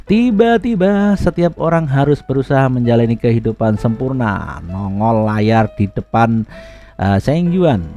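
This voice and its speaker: A man's voice: medium pitch, lively intonation, a little slow, mellow. A man narrating a story casually, with chatty asides to the listener. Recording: slightly dull, faint music behind.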